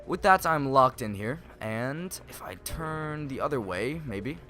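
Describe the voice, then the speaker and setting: A teenage gaming YouTuber hosts a playthrough series, giving rambling, jokey commentary in a mid-range, expressive voice. He speaks a little slowly with a sharp tone, and game music plays behind him.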